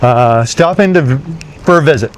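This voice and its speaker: A man with a fairly high voice hosts a relaxed walk-and-talk podcast out on a country road. He keeps the chat moving with eager yeahs and surprised reactions. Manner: upbeat, quick affirmations, exclaims "no way". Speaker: podcast host.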